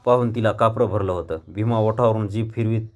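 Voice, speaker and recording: A man narrating a short story aloud in a measured, expressive reading voice. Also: lowish voice.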